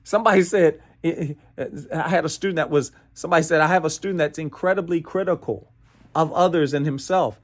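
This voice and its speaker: His voice sits a little high and moves a little fast as this American man presents motivational training. He keeps the tone emphatic and playful, repeating phrases, asking "right?" often, and chuckling through asides.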